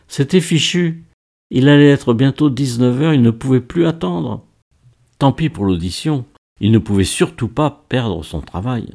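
A man reading a novel aloud as narrator, in a steady storytelling manner. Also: medium pitch, vocal fry. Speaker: audiobook narrator. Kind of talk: scripted narration.

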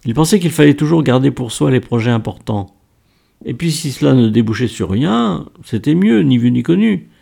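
A man reading a novel aloud as narrator, in an expressive, animated manner. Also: medium pitch, moderate pace, vocal fry, slightly rough. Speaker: audiobook narrator.

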